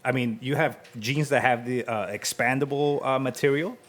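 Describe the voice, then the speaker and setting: A man co-hosts a relaxed podcast conversation, his voice sitting at an ordinary middle pitch. He asks questions and keeps chiming in with eager agreement. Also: moderate pace, slight background noise. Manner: affirming, enthusiastic, many backchannels. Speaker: podcast co-host. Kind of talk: casual interview chat.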